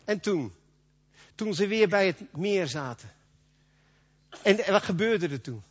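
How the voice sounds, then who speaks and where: A man delivers a folksy, conversational sermon, slipping into acted-out bits of dialogue. His voice sits high and swings widely in pitch, with a husky edge. The recording is dull and lo-fi. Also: lively intonation, unhurried. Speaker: preacher.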